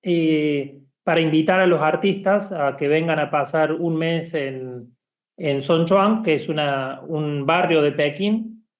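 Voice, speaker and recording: A man's voice: on the high side, slow pace. A man from Argentina, talking casually as an interview guest, hesitant with many fillers and restarts. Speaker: guest, bookshop founder.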